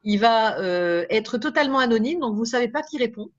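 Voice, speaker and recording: Lively woman trainer on a dull recording. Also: fairly high pitch, fairly quick. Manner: lively, with many tag words and asides. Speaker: speaker trainer. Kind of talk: live workshop talk.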